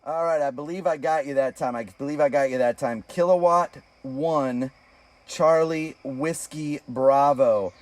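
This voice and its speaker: A man working a ham radio call, loudly spelling out call signs in the phonetic alphabet and logging contacts. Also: fairly high pitch, a little slow, far from the mic, slight background noise. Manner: loud, rhythmic calling in phonetic alphabet. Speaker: ham radio operator and devotional speaker.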